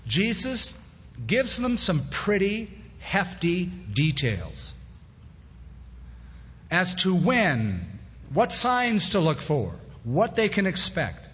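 Casual sermon guy at a pulpit mic in a big church, husky, slightly high voice, echoey lo-fi tape. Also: wildly swooping pitch, slow, fairly bright tone. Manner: conversational, with plain-spoken asides. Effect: preaching at a pulpit microphone. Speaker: pastor. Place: church sanctuary. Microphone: pulpit microphone. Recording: echoey hall, dull lo-fi sound.

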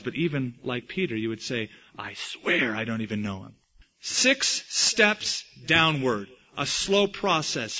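Bright-voiced preacher, lo-fi recording. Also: male voice, a little high. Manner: dramatic, acting out quoted lines with big swings in loudness. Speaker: pastor. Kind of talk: sermon.

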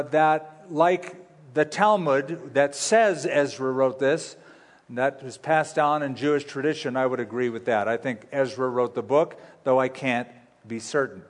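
A pastor preaching at a pulpit microphone in a church sanctuary, teaching in a conversational, folksy way with light humor. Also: male voice, a little high. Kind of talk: sermon teaching. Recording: long reverb of a large hall.

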